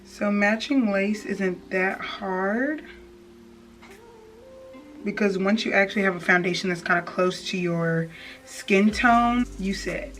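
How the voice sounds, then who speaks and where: In a mid-range, slightly bright voice, a young woman beauty vlogger speaks slowly to her viewers. She's casual and chatty, using slang as she walks through a tutorial in a small indoor room with a plain wall and music in the background.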